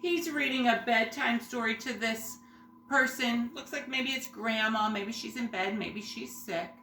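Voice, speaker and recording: A woman's voice: on the high side, unhurried, pushed and bright. A woman teaching young children, reading aloud and talking to them in simple phrases and questions. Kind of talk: singing greeting and read-aloud lesson for young children. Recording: roomy echo, faint background noise.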